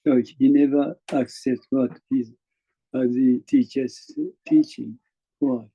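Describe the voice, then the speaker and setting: A man with a Japanese accent giving a dharma talk as a Zen teacher, halting and full of fillers and chuckles. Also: mid-range voice, level tone, mellow, slightly rough, highs cut off.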